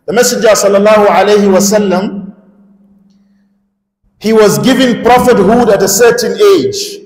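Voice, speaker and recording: A man's voice: high-pitched, normal speed, a little mellow. A middle-aged man from Nigeria giving an interactive Islamic lecture in a mosque, putting questions to the audience and speaking at a stand microphone. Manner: interactive, questions the audience, emphatic rising calls. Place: large mosque hall, indoors. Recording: echoey mosque hall reverb.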